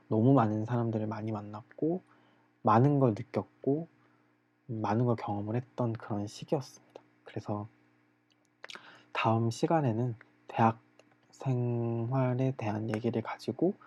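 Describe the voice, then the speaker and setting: Guy streaming while drawing, mellow dark voice, casual solo chat that trails off soft, kinda dull lo-fi audio. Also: medium pitch, slightly rough. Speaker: livestream host.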